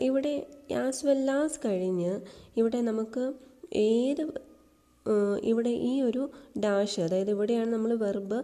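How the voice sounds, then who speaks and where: A woman, explaining grammar exam questions and slowly dictating the sample sentences word by word. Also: mid-range voice, warm tone. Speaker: exam coaching teacher.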